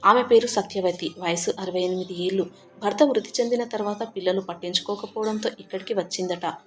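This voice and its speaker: A woman's voice: mid-range voice, a little fast. A woman narrating a first-person audio story in the tender, grieving voice of a mother.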